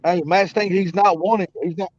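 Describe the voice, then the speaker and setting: A man's voice: high-pitched, steady tone, darkish tone, dull audio. Man on a choppy call, voice breaking up. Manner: halting, repeats and restarts words. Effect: voice cutting in and out over a bad Wi-Fi call connection. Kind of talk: casual chat on an online call.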